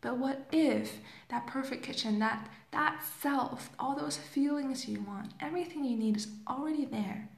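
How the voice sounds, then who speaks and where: Talking into her phone camera at arm's length in a small, plain room, this young life coach, born in Hong Kong and raised in Canada, reflects casually on a live video with lots of fillers. Her high voice has vocal fry, runs at normal speed, and barely pauses. The sound is reverberant.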